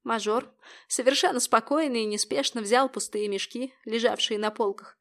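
A young woman with a somewhat high voice reads a first-person audiobook. Her telling is tense and dramatic. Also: normal speed, fairly bright tone. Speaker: audiobook narrator.

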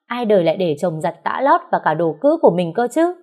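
A woman's voice: fairly low pitch, very animated, fast, darkish tone. A woman voicing a furious older mother-in-law who scolds in a harsh, contemptuous voice. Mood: scolding.

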